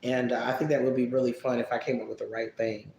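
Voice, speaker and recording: A man's voice: medium pitch, creaky. Chatty man in an echoey room. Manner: relaxed, chatty, drawn-out musing answers. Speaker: vlogger answering viewer questions. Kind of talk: casual live-stream chat. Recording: echoey room with faint background noise.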